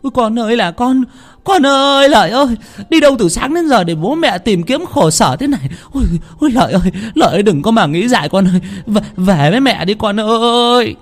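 A man voicing a village mother who cries and pleads in a high wail. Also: animated, a little fast, faint music behind. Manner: high wailing, crying pleas. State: crying.

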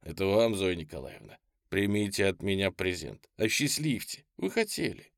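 A low, hoarse male voice, breathy and pleading, that turns into desperate shouting; a burly, lustful brute, played by a male narrator. Dry, close storybook reading. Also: sing-song, moderate pace, no echo, full character voice. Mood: coaxing.

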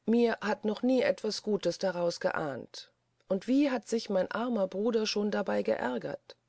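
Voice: mid-range voice, a little slow, vocal fry, a little mellow, no room sound, clean studio sound. A reader voicing an uneasy young woman. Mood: troubled. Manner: earnest, reproachful. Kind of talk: audiobook character voice.

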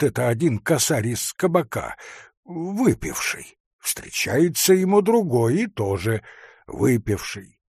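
A frightened, pious old forester , voiced by a man reading a story aloud, who complains and laments in a plaintive, sighing voice. He sounds a little husky and speaks slowly, and his pitch rises and falls a great deal. The recording is dry and close. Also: a little mellow, no echo, full character voice.

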